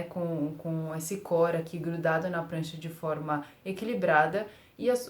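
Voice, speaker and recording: A woman's voice: lowish voice, reverberant. A young woman giving surfing tips in a casual, chatty way, often laughing at herself and using fillers. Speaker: surf vlogger. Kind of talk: casual tutorial talk.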